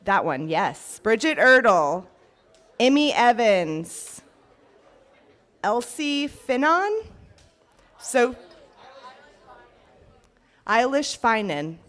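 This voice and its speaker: A woman's voice: on the high side, big pitch swings, drawn-out words, long pauses, fairly bright tone. A woman announcing at a closing ceremony, reading a list of names and checking pronunciations aloud.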